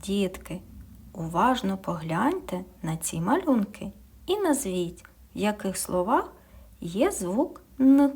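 A woman's voice: mid-range voice, a little mellow, slightly rough. A woman kindergarten teacher giving a speech lesson to young children, patiently asking questions and answering them herself, sometimes dropping to a whisper.

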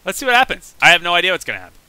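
A man giving excitable, chatty gameplay commentary, reacting aloud as he plays. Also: high-pitched, very fast, smooth, no room sound, poor audio. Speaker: let's play gamer.

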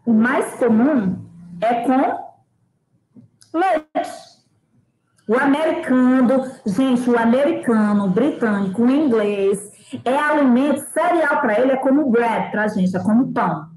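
A woman from Brazil, an English teacher in a live online lesson for children, slowly repeating words for them to copy and calling herself auntie. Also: on the high side, animated, darkish tone, reverberant, low-quality recording. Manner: slow, drawn-out repetition of words for children to copy; calls herself auntie and reads out viewers' names. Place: home kitchen.

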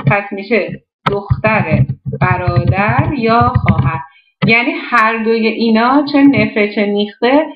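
A woman's voice: medium pitch, reverberant, highs cut off. Woman teaching German grammar step by step. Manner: explains step by step, often asks and answers her own questions. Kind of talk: explaining a language exercise.

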